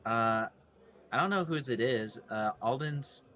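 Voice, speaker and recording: A man's voice: medium pitch, a little slow, a bit bright. A man speaking casually as a player in a tabletop role-playing game, narrating his character's actions and lines.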